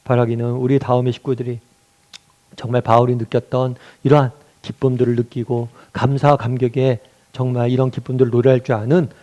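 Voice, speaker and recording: A man's voice: medium pitch, flat delivery, a little fast, warm tone, lo-fi sound. A middle-aged male pastor preaching a sermon, asking rhetorical questions and answering them himself, rising to emphatic peaks.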